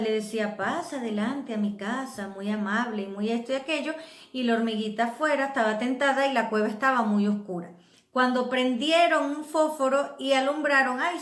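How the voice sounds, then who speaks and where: A woman's voice: on the high side, reverberant. A woman with a Venezuelan accent preaching a sermon, explaining the scripture and checking in with her listeners. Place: church.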